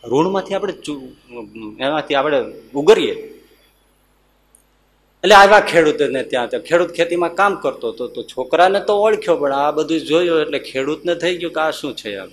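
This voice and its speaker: A man preaching as a monk, telling a story in a sermon with a Gujarati accent, dropping softer and lower for the characters' words and rising to emphatic bursts. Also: lively intonation, normal speed, slight background noise. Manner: acts out the characters' lines in softer, lower tones; rises to emphatic high bursts.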